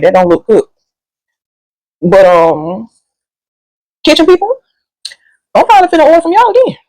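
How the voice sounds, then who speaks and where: A woman chats through a food review at home, quick and sassy, rambling from one thought to the next and talking between bites. Her voice is recorded close and dry, with no room sound. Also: on the low side, darkish tone, no room sound, rough recording. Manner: sassy, rambling, talks while chewing. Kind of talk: casual chatty food review.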